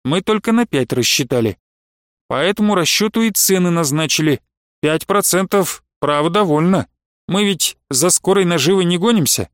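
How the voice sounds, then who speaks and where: Guy doing a cool steady merchant, says no without fuss, dry close sound. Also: high voice, moderate pace, dry recording. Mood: calm. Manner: calm, steady, firm refusals. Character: calm, firm younger merchant.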